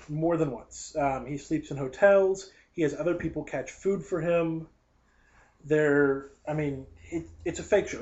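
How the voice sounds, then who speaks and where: A man's voice: fairly high pitch, a little mellow. A young man hosting a podcast, reading a college newspaper aloud and sarcastically picking it apart, rambling off on tangents. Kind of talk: casual live commentary. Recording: dull lo-fi recording.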